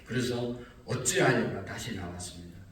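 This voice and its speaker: A man's voice: on the low side, normal speed, a bit bright, a little hiss or hum. Echoey distant male pastor preaching. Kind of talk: early-morning sermon. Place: church sanctuary. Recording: echoey distant mic with faint ambience.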